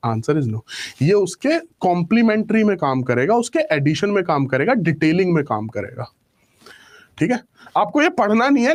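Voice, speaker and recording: A young male teacher giving a live exam-prep class, explaining with rhetorical questions and English phrases mixed in. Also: high-pitched.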